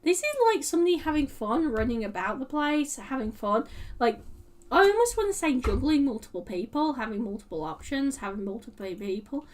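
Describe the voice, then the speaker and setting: A high-voiced woman chats her way through a tarot reading, full of "like" and "um", as if thinking aloud. She sits a little back from the mic, so her voice sounds slightly distant. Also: lively intonation, brisk. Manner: chatty, meandering, lots of fillers and "like". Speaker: tarot reader. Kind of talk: casual live-stream tarot reading.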